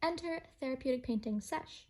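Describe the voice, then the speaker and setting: Wry young woman with a higher voice. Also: brisk, warm tone. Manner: wry, dramatic, tongue-in-cheek rambling. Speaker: vlogger and hobby painter. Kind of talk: casual humorous painting voice-over.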